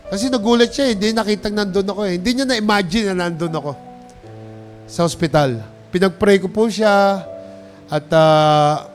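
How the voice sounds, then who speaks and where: A pastor preaching a sermon, calling out to the congregation and mixing English phrases into his talk. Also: high voice. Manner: preaching with call-and-response, urging applause.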